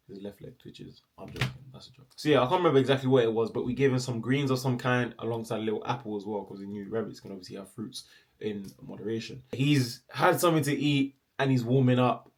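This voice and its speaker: A man's voice: mid-range voice, fairly quick. A young man, telling a personal story casually and acting out the other people's voices playfully. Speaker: storyteller vlogger.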